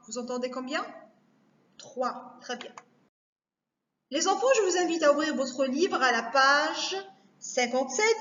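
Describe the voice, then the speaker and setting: Slow, high-voiced woman teaching children. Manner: slow, careful, repeats words to spell them out. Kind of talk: recorded French lesson for children. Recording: echoey room, dull lo-fi sound.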